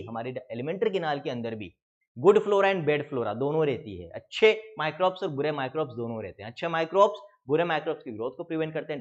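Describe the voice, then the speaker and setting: A man teaching an exam-prep biology lecture, reading textbook lines slowly and then explaining them, calling his students beta. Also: mid-range voice, highs cut off.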